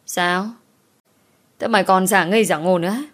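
A woman's voice: mid-range voice, normal speed, close to an everyday voice. A woman voicing a harsh old mistress. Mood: scolding. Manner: scolding, sharp, contemptuous.

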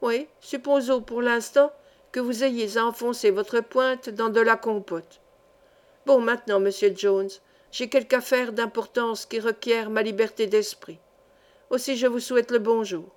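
Brief: a woman voicing an arrogant male scientist who shouts people out of his office, audiobook reading. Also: a little high, steady tone, a little slow, lightly acted. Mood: curt. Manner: imperious, shouting dismissals. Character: irascible arrogant male professor, domineering.

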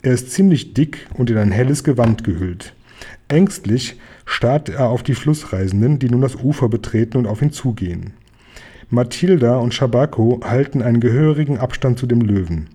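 A man narrating a children's story in a calm, even way. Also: medium pitch, moderate pace, husky. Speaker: audiobook narrator.

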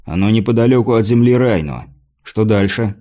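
Stern warrior king read by a man, curt, commanding, scornful, dark low voice, audiobook. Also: moderate pace, lightly acted. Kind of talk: audiobook character voice.

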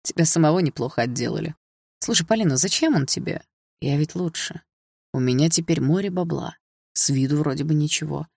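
A brash, cocky young man taunts his rival with a flippant swagger, as a male narrator puts him on. The voice has a gravelly edge. It is an audiobook reading, recorded dry and close. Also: fairly high pitch, a little fast, a little mellow, no echo. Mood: taunting.

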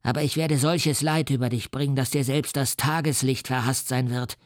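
A man's voice: medium pitch, fairly even intonation, moderate pace, no room sound, studio quality, natural voice. A man playing a furious, defiant young scientist. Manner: vehement and indignant.

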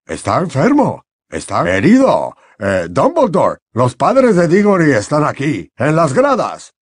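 Male reader doing a high, breathy, panicky official; slow, stammering, wildly swinging delivery. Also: wildly swooping pitch, dry recording, studio quality, full character voice. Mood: panicked. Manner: frantic, halting with fillers. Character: flustered panicky male minister, middle-aged.

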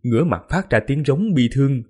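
Man, audiobook narration, dramatic, mournful, breathy, animated pitch. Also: fairly quick. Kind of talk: scripted narration.

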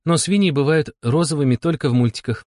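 A man voicing a quirky, gentle young woman who patiently explains trivia. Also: fairly high pitch, fast, no echo, studio quality, voice pushed up, lightly acted. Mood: earnest explaining. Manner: calm, explaining, pedantic.

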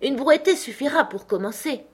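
A woman voicing a bossy rabbit in a storybook who barks orders in a shrill, commanding way. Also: lively intonation, moderate pace, breathy edge.

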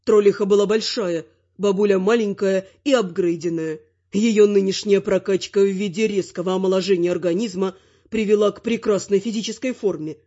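A woman's voice: medium pitch, fairly even intonation, brisk, dark tone. A woman narrating a first-person fantasy audiobook in a wry, ironic storytelling manner. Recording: muffled lo-fi recording.

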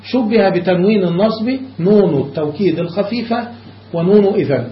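High-voiced male grammar teacher. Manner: explains step by step, checks students follow; slows down on examples. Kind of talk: classical grammar lesson. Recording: echoey lo-fi room recording.

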